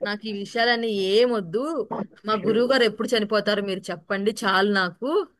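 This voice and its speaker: A simple-minded young disciple, all polite pleading and wide-eyed eagerness, as a woman storyteller puts him on. The voice sits at a middle pitch and sounds dry and close, in a spoken folk tale. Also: normal speed, no echo, natural voice. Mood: naive, eager. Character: foolish young male disciple, naive and eager.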